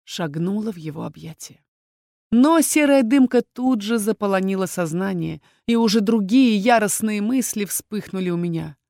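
A woman reading a first-person fantasy novel aloud with expressive delivery. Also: mid-range voice, normal speed, dry recording, studio quality. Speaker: audiobook reader. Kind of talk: scripted first-person narration.

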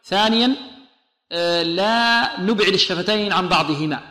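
Bright-voiced man teaching Quran recitation in an echoey hall. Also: high voice. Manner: explains rules, then chants verses slowly for students to repeat. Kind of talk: tajweed lesson with chanted recitation.

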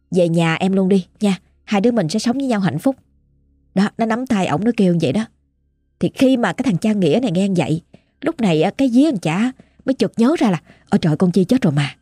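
A woman's voice: mid-range voice, dark tone, husky, no room sound, studio quality. A woman with a Southern Vietnamese accent telling a ghost story in a chatty, colloquial, dramatic way. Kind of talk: casual storytelling.

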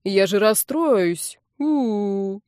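A woman's voice: mid-range voice, expressive, very slow, a little mellow, dry recording, clean studio sound. A woman reading an audiobook, voicing the light, joking messages of a young man.

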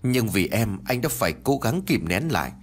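A man voicing a grieving young husband who pleads with his wife to stay strong, his husky voice raised. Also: lowish voice, big pitch swings, normal speed, heavily acted. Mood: anguished. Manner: pleading, then softening. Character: grieving young husband, anguished but steadying.

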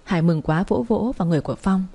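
Husky woman storyteller. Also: fairly low pitch, racing. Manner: lively, acting out dialogue. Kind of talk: first-person audio story reading.

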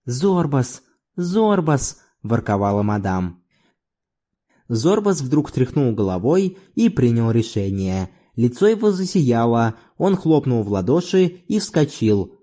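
A man narrating a literary audiobook in an expressive storytelling manner. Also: medium pitch, unhurried.

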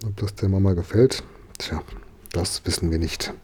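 Dark, husky male storyteller. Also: low-pitched. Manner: calm, measured storytelling. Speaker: reader. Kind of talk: reading a children's story aloud.

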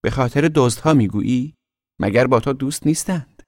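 A man's voice: medium pitch, a little mellow, no room sound, studio quality, pitched above the performer's own voice, natural voice. A man voicing a curious younger boy who keeps pressing his brother with eager questions. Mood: prying.

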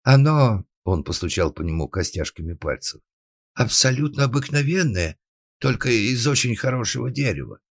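An actor playing a timid, frightened carpenter who pleads and stammers in an audiobook. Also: male voice, medium pitch, very animated, moderate pace, no room sound, studio quality. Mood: pleading. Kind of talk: audiobook character acting.

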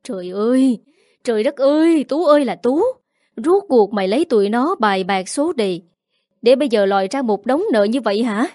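A woman doing a shrill wailing old mother. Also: brisk, a little mellow, no room sound, studio quality, lightly acted. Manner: wailing, scolding, pleading. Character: frantic aging mother drowning in her son's debt.

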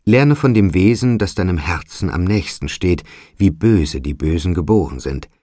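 A man's voice: low voice, lively intonation, normal speed, mellow, no echo, studio quality. A man voicing the stern, solemn spirit of a bell. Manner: solemn, admonishing. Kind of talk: audiobook character voice.

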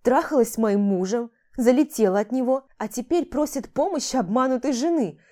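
Woman reading a novel aloud first person, dry and a bit sarcastic, mellow tone. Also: fairly high pitch, fairly quick. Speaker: audiobook narrator.

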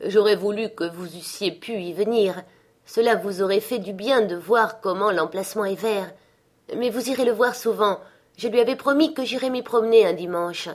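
A woman reading aloud voices a poor clerk and father who speaks gently and with affection through his sorrow. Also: mid-range voice, normal speed, voice pushed up, lightly acted. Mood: tender.

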